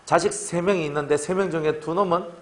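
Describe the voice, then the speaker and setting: A middle-aged man, preaching a sermon to his congregation in a lively, joking way and often asking them to agree. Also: fairly high pitch, quick pace. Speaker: pastor.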